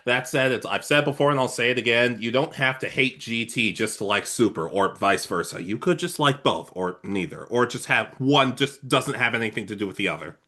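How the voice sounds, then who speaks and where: A man's voice: medium pitch, expressive, a little fast, hardly any pauses, sharp tone. A man co-hosting a casual podcast about anime, talking animatedly and acting out characters' lines as he recaps episodes. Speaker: podcast co-host.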